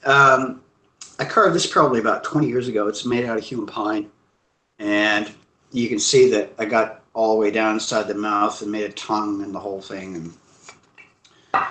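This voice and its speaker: A man's voice: mid-range voice, a bit bright, echoey room. A man hosting a casual live stream from home, joking and rambling as he shows things to his viewers. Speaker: host.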